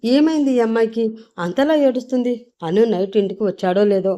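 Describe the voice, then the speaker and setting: A man's voice: extremely high pitch, animated, brisk, warm tone. A woman voicing a caring, anxious young man in a narrated audio story, asking urgent questions. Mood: worried.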